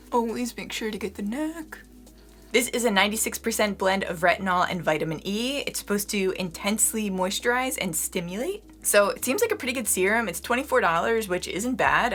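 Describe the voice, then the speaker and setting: A young woman giving a casual beauty product review. She is slightly hoarse and talks to her viewers in a chatty way, often using "like" as a filler. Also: medium pitch, a bit bright. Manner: chatty, addresses viewers as "you guys", frequent "like" fillers. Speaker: beauty vlogger.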